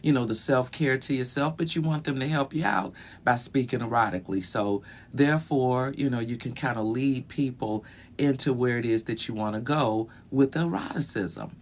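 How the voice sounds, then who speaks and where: A man who works as a sexologist, speaking in a relaxed educational talk with many fillers and repeated phrases, recorded in a bedroom closet. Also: medium pitch, moderate pace.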